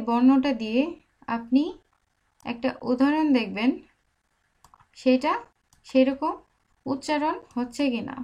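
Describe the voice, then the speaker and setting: A young woman teaching a language lesson, slowly repeating each sound for the listener to copy. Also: high voice, darkish tone. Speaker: language tutor. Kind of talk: slow spoken language lesson.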